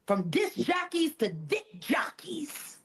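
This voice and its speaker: A woman's voice: high voice, very animated, slow. A woman talking as a podcast guest, blunt, emphatic and confrontational. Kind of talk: heated podcast conversation.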